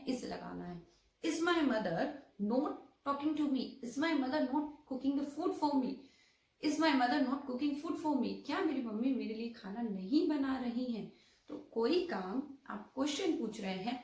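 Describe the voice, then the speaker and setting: Slow-speaking woman teaching grammar. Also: a little high. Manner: explains slowly, repeating example sentences in Hindi and English. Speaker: English teacher. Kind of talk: bilingual grammar lesson. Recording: echoey room.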